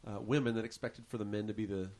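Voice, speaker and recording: Fast-talking gravelly man with a low voice. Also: steady tone, mellow. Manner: earnest, speaks in long run-on stretches. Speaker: pastor. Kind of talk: casual chat.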